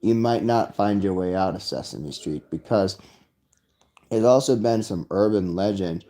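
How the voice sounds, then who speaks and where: Casting note: man, slow meandering monologue, warm mellow tone. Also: lowish voice. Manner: rambling, breaks into sung lyrics and put-on quotes. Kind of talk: rambling solo monologue.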